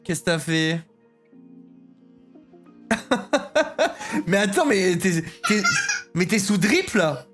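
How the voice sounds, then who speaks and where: A man's voice: sits high, expressive, slow pace, long pauses, over music. A man streaming live, chatting casually and joking while he has a cold. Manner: joking, laughs often, swears casually. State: has a cold, stuffy and sick.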